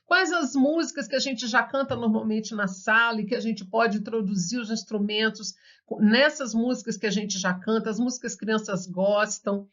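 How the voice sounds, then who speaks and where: A Brazilian woman teaches rhythm to future teachers, explaining patiently and breaking into children's songs. Her voice sits high. The recording is muffled and lo-fi. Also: fairly bright tone. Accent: Brazilian Portuguese. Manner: explains slowly, sings children's songs while clapping. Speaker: music teacher. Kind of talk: online lesson for teachers. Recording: dull lo-fi recording.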